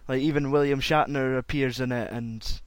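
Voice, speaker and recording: A man's voice: medium pitch, fairly even intonation, normal speed, no echo. A man hosting a casual chat, loose and rambling. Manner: loose and rambling, laughs a lot. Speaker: podcast host.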